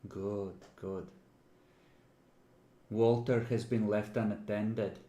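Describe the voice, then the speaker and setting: A man's voice: fairly low pitch, fairly even intonation, slow pace, mellow. Guy game mastering, takes his time, teasing and dramatic, echoey room. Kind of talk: running a tabletop role-playing game, conversational narration.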